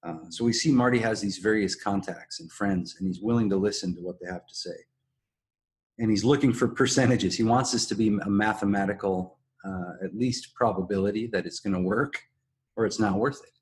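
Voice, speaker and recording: A man co-hosting a podcast, explaining and analysing in a measured, casual conversational way. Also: fairly low pitch. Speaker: podcast co-host. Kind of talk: casual analytical discussion of a TV drama.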